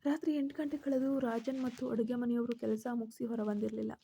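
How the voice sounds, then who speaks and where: Female storyteller, dark mellow tone, pitched a bit high. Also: flat delivery, fairly quick, gravelly, slight background noise. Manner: voices the characters' quoted lines herself. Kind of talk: first-person story narration.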